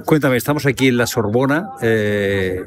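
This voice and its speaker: A man's voice: mid-range voice, normal speed, a crowd in the background. A man from doing street interviews and a live field report outdoors, chatty and conversational. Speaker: radio reporter.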